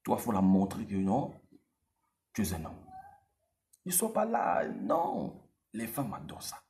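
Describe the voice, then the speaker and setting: A low-voiced man gives casual dating advice straight to the camera. His pitch swings widely, so he sounds animated. He repeats his points and peppers them with street slang. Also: measured pace. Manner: animated, repetitive, street slang, addresses viewer directly.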